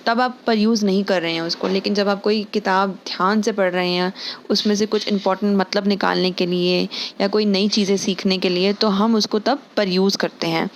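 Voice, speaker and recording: A woman teaching English vocabulary in Hindi, patiently explaining each word and slowly reading example sentences, with frequent fillers. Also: medium pitch, a little hiss or hum. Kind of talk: Hindi-language vocabulary lesson.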